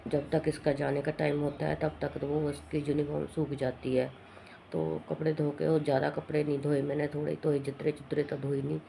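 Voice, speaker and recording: A middle-aged woman with a hoarse throat from a cough, chatting casually and rambling through her day at home in a vlog. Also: sits low, dark tone, slight background noise. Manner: rambling, matter-of-fact. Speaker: vlogger.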